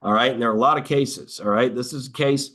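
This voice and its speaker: A man's voice: medium pitch, fast, fairly bright tone. Conversational man explaining, full of fillers. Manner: dry sarcastic asides. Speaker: lawyer presenter. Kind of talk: webinar presentation.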